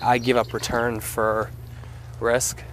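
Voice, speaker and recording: A man's voice: mid-range voice, completely flat delivery, takes it slowly, rough recording. A man in casual conversation, speaking as an investor on a site visit. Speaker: investor asking questions. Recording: loud vehicle noise on location.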